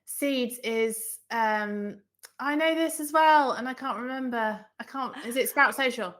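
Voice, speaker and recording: Bright, animated woman podcast co-host. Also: on the high side, measured pace. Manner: animated, exclamatory reactions. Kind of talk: casual podcast chat.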